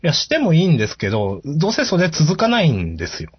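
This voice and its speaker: A man's voice: on the high side, huge pitch swings, quick pace, slightly rough, no echo. A man from Shimane in easygoing casual podcast chat, a little self-deprecating. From Shimane, Japan. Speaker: podcast co-host. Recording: dull lo-fi podcast audio.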